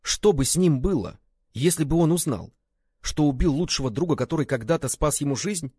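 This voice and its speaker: Man doing a drunk guilty young guy, stubborn, pleading, husky, dry recording. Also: on the high side, lively intonation, a little fast, a little mellow, no echo, voice pushed up.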